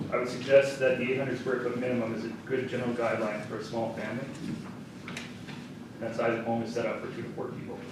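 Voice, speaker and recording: A man, an architect, giving a measured, formal statement to council, heard on a distant, echoey council chamber recording. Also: medium pitch. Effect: echoey council chamber recording from a distant room mic. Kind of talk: prepared statement at a public hearing. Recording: roomy chamber, far mic, loud background hiss.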